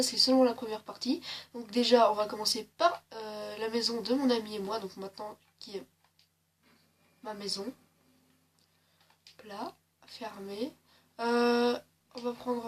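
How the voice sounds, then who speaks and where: Woman gamer host, slightly high voice, slight sore throat, chatty and jokey game walkthrough, faint hum behind. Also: a bit bright. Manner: chatty and joking, with many hesitations. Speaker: gaming channel host. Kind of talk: casual gameplay commentary.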